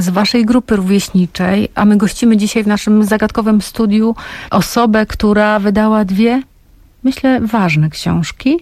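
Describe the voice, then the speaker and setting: A woman's voice: medium pitch, darkish tone, no room sound. Woman radio host in a dry studio. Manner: speaks directly to listeners, reads a story aloud. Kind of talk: storytelling and addressing young listeners.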